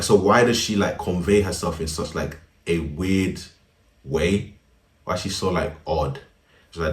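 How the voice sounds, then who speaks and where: Young man, casual storytime narrator, very low voice, slangy and laid-back, set back from the mic. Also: fairly bright tone, recorded from a distance. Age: young adult. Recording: roomy, a bit off-mic.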